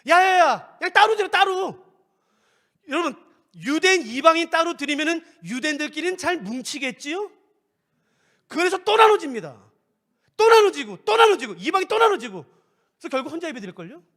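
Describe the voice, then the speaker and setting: High, lively middle-aged pastor preaching. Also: male voice, a little fast, pauses often. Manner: animated, playful, acts out scenes. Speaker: guest pastor. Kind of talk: sermon. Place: church sanctuary.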